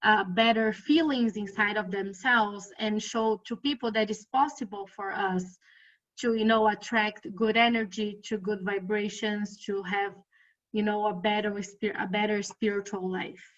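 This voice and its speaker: Slow, hesitant woman, lo-fi sound. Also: mid-range voice, fairly even intonation. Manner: hesitant, searching for words, many fillers. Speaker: study group member. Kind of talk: casual spiritual study discussion. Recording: dull lo-fi audio.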